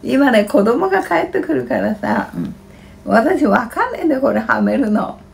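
With huge pitch swings and vocal fry, this elderly woman of about 80-something talks at a normal speed in a voice on the high side, using a rural Kanto Japanese dialect. Indoors in a cramped, cluttered kitchen-dining room, she holds her phone near her face on a casual home livestream, reading comments and grumbling in a flustered, plaintive way. Faint room noise can be heard.

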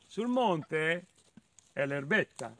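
Playful, lively man telling kids' stories. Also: on the high side, drawn-out words. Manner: playful, animated. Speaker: storyteller for children. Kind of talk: reading stories to children. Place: outdoors at a farm.

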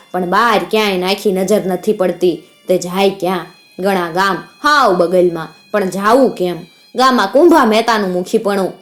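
Woman telling a folk tale over music. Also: mid-range voice. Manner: vivid, rhythmic telling with recited couplets. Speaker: folk storyteller. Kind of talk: dramatic folk tale narration.

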